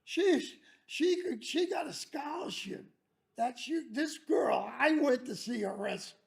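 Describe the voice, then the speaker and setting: An older man with a raspy, creaky voice, reminiscing casually as a guest and often restarting his phrases in a halting way. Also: very high voice, lively intonation. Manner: halting, repeats phrase starts.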